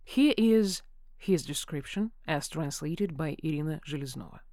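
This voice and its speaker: A woman hosting a folklore podcast, explaining in a calm, informative scripted delivery. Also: low-pitched, normal speed, no room sound, studio quality. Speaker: podcast host.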